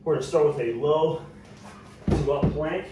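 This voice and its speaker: A male fitness trainer leads a home workout. He is congested and breathes heavily between short, clipped cues, with a slightly high voice. He sounds set back from the mic in an echoey room with steady background noise. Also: moderate pace. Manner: short coaching cues, clears throat often. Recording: roomy, distant, noisy home recording.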